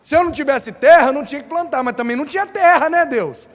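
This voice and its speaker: A man voicing frightened people pleading with God in a whiny, high voice. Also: fast talker. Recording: reverberant church hall.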